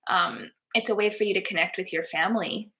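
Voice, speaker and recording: A woman's voice: medium pitch, fairly quick, pushed and bright. A woman hosting an interview podcast, welcoming her guest and asking friendly, encouraging questions. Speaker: podcast host.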